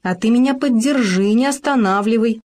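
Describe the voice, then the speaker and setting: A woman voicing an excitable young male gopher who loves making discoveries, in a children's storybook reading. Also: fairly high pitch, normal speed, pitched above the performer's own voice, close to an everyday voice. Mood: eager. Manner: eager, insistent, breathless with enthusiasm.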